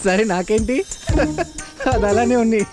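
An actor playing an irritable young husband bickering in a family film. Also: male voice, high voice, fairly even intonation, normal speed, loud music behind the voice, lightly acted. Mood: irritated. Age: young adult. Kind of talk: film dialogue.

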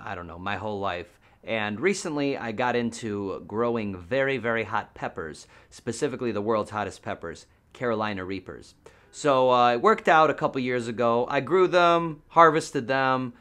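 A man's voice: fairly low pitch, a bit bright. A man, speaking in a conversational audition style with exaggerated, incredulous emphasis. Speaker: actor auditioning for a commercial. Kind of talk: audition monologue and improvised product pitch, conversational. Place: indoor studio with a green screen.

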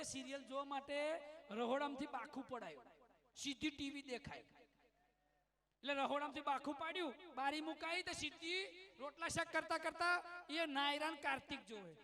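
A man with a Gujarati accent telling comic stories in an animated way, acting out the voices of the people in them. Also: very high voice. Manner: animated, acts out quoted voices. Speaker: comedian. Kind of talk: stand-up storytelling.

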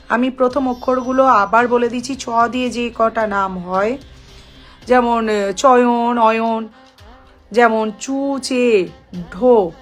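A woman astrologer with a Bengali accent, giving spiritual advice to viewers in an instructive way, repeating points and spelling out syllables slowly. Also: fairly high pitch.

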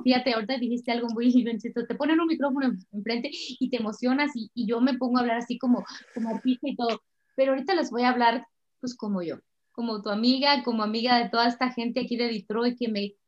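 A middle-aged Mexican woman, a singer, chatting warmly and emotionally in an interview. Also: a little high. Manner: warm, chatty, emotional storytelling. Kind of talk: casual interview chat. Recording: slightly dull lo-fi sound.

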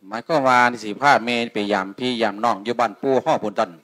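A man's voice: mid-range voice, fast, fairly bright tone, close to an everyday voice. A man voicing an old blind village mother with an Isan accent, rambling in a folksy way in a comic sermon drama. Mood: chatty.

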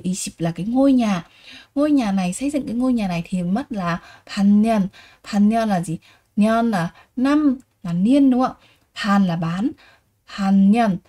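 With a slightly high, warm voice, a woman teaches Korean vocabulary, going over each word again and putting rhetorical questions to her students. She is a Korean language teacher and a native Vietnamese speaker.

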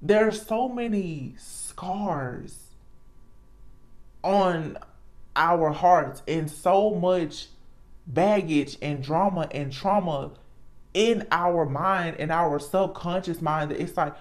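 A tarot reader talking casually and reflectively, earnest and emphatic, often halting and repeating words. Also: medium pitch. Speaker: tarot reader, channel host.

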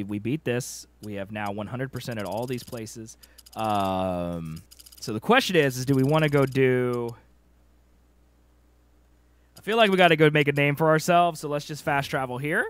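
A man's voice: mid-range voice, moderate pace, a bit bright. A man in his thirties giving casual live commentary as he streams a video game, close on the mic. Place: small room indoors. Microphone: close microphone on a stand.

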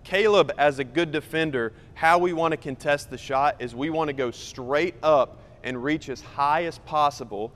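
A man's voice: on the high side, moderate pace, hardly any pauses, fairly bright tone. A young man coaching basketball on court, explaining step by step and directing players by name. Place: large indoor gym. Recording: reverberant gym.

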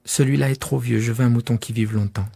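A man voicing a gentle, curious little boy prince in a storybook reading, softly and often half-whispered. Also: medium pitch, steady tone, fast talker, gravelly, husky, dry recording, studio quality. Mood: pleading.

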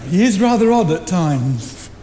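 An older man playing a kindly, halting, bumbling country fellow in a stage play. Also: high voice, sing-song, mellow. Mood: defensive, amiable. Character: kindly, flustered, loyal old rustic man. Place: indoor theatre stage. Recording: echoey theatre stage, slight noise.

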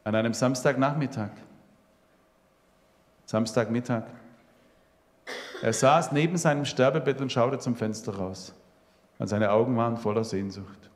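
A man preaching in a church, his voice at a middle pitch. He tells personal stories with feeling and often sinks to a near hush. A long reverb from the hall trails after his words. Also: unhurried, long pauses. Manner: emotional storytelling, drops to a soft hush. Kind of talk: sermon testimony.

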